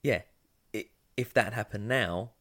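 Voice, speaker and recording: A man's voice: on the low side, a little slow, a bit bright. A man, co-hosting a casual podcast from his living room in a joking, playful way. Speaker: podcast co-host. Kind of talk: casual chat.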